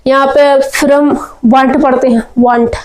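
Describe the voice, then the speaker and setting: A woman's voice: sits high, steady tone, takes it slowly, a little mellow, rough recording. A woman teaching spoken English pronunciation, drilling words over and over and asking and answering her own questions.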